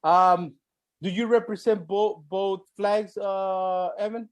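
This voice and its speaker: Man, high voice, frat bro slang, teasing, casual show host, swears freely. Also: fairly even intonation, takes it slowly. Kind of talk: casual chat.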